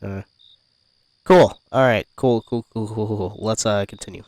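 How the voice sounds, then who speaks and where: A man giving casual let's-play commentary on a music game, relaxed and hesitant with many fillers. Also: lowish voice, normal speed, no room sound. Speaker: gaming YouTuber. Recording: music playing behind the voice.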